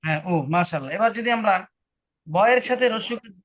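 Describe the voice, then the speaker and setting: A man's voice: high voice, animated, quick pace, a bit bright. A man teaching a spoken language lesson, patiently explaining rules and repeating them for his student. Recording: muffled lo-fi online recording.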